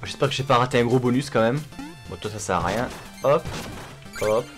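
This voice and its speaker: A man's voice: mid-range voice, normal speed. A man giving casual gameplay commentary, with sweary, self-mocking asides. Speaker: gamer commentating a playthrough. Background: game music.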